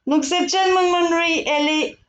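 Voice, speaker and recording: Woman, live-stream seller, chatty salesy banter, high-ish voice, roomy and muffled recording. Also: steady tone, moderate pace, fairly bright tone. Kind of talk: live shopping stream pitch. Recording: echoey room, dull lo-fi sound.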